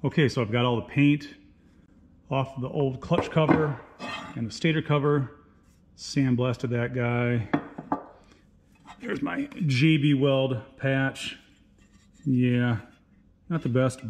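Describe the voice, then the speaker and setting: A man's voice: mid-range voice, fairly even intonation, takes it slowly, long pauses, a little mellow, slight background noise. A man with an ordinary mid-range voice narrates his engine work in an easygoing, folksy way, poking fun at his own handiwork. He sounds like he's standing in a home garage, with some faint clatter of tools behind him. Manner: folksy, laid-back, self-deprecating. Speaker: channel host. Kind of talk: casual workshop narration.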